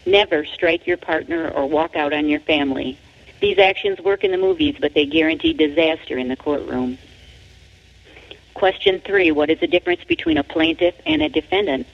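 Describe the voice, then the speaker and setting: An author reads her own book from a script in a low voice with a creaky, gravelly edge and wildly swooping pitch. Her delivery is deliberate and emphatic, and the audio is dull and lo-fi.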